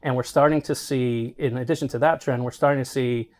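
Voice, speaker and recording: A man's voice: medium pitch, steady tone, fairly quick, a little mellow. A middle-aged man answering interview questions as an executive, explaining conversationally and often checking in with "right?". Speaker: healthcare marketing executive being interviewed.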